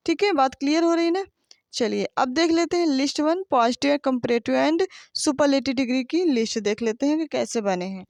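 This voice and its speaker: Woman teacher, high voice, dry close sound, patient explainer who keeps asking rhetorical questions. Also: a little slow, darkish tone, no room sound. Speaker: English grammar teacher. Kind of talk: classroom grammar lesson.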